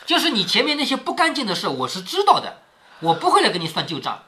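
A man's voice: extremely high pitch, wildly swooping pitch, fast talker, pushed and bright. Chatty man explaining a classic novel. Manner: chatty explaining, frequent tag questions. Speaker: father reading to his daughter. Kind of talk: reading a classic novel aloud with commentary.

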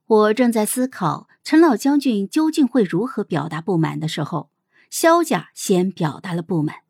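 A young adult woman hosting and narrating a first-person story in a measured, expressive manner. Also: medium pitch, creaky, slightly rough, no room sound, studio quality. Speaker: audiobook host and narrator.

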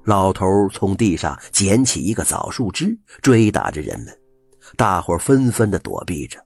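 A man telling a folk tale with an animated, expressive delivery. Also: low voice, normal speed, gravelly, husky, no echo, soft background music. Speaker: storyteller.

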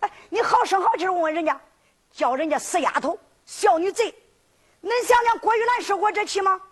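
A woman with a Henan accent performing sung folk storytelling in a lively sing-song narration. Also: very high-pitched, brisk.

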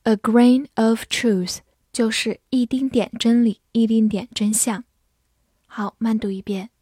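Slow, dry-voiced woman teaching English words. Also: fairly high pitch, fairly even intonation, dark tone, breathy edge, dry recording. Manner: spells words letter by letter and reads example sentences slowly. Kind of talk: vocabulary lesson.

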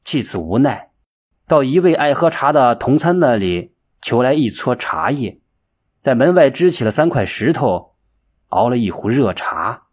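A man narrating a story as an audiobook reader, slow and measured. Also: mid-range voice, very animated, darkish tone, breathy edge.

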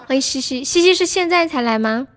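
A woman's voice: high voice, noisy background. A young woman hosting a casual livestream, chatting with viewers, laughing often and reading out their names. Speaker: livestream host.

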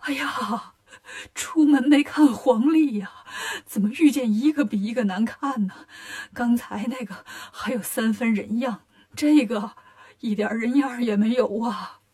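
A woman voicing a frightened, kindly old grandfather in a children's storybook tale, speaking slowly and softly. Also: fairly high pitch.

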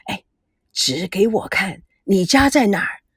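A woman's voice: mid-range voice, measured pace, husky, no room sound, studio quality. A woman voicing a spoiled, chatty teenage granddaughter who wheedles and teases. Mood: excited chatty. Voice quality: bright, coaxing, lively.

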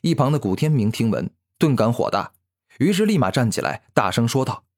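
A man narrating a fantasy web novel in an expressive storytelling manner. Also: mid-range voice, fairly quick. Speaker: audiobook narrator.

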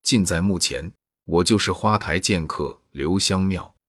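A man's voice: deep voice, unhurried, a bit bright, slightly rough, no echo, studio quality, heavily acted. A man voicing a ruthless, scornful young swordsman villain in a storybook reading, cold and boastful. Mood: cold mocking.

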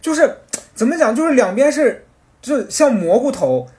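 A man telling a rambling, animated story in casual podcast chat. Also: extremely high pitch, normal speed.

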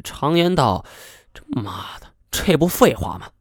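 A man voicing a sly, smug middle-aged male schemer in an audiobook, wheedling and teasing, with drawn-out sayings. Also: a little high, big pitch swings, no room sound, clean studio sound, exaggerated voice. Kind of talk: audiobook character voice.

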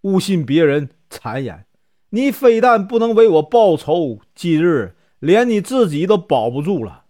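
A man's voice: sits high, very animated, unhurried, darkish tone. A man voicing a queen mother who sorrowfully reproaches her son. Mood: reproachful.

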